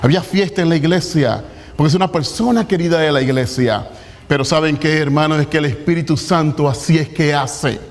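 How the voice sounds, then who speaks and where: Man pastor preaching hard then going soft, high voice, long reverb in a big church. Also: fairly quick. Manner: impassioned preaching that climbs to emphatic peaks, then drops to hushed appeals. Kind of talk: sermon. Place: large church sanctuary.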